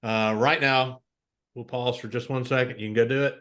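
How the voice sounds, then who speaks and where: A man's voice: mid-range voice, moderate pace. Easygoing male beer-review host. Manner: relaxed, easygoing, frequent "uh" fillers. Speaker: podcast host. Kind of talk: casual beer review chat.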